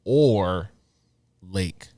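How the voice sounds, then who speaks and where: Excitable rambling man on a podcast. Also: deep voice, very slow, no room sound. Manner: excitable, rambling, laughs often. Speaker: podcast co-host. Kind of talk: casual chat.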